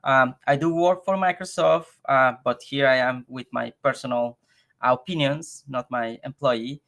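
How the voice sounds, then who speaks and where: Man, English, halting, repeats words, laughs easily, video call guest. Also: medium pitch, vocal fry, a bit bright. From Mexico. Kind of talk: casual interview chat.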